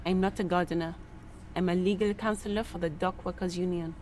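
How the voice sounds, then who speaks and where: A woman voicing a stern union legal counselor in a detective game, cool and measured, with a French-sounding accent. Her voice sits a little low. A faint hum sounds behind her. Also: steady tone, darkish tone, lightly acted.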